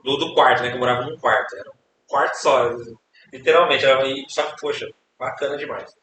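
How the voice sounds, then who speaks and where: A young Brazilian podcast guest's voice is medium-pitched, steady, fairly bright, and a little fast. He tells his life story casually and ramblingly, with repeated words and tag questions. Echo, hiss, and a distant mic mark the recording.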